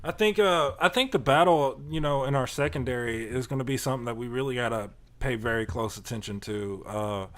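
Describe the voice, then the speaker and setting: A man hosting a casual sports podcast, talking in an animated way, laughing often and getting fired up. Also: medium pitch, brisk, few pauses. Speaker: podcast host.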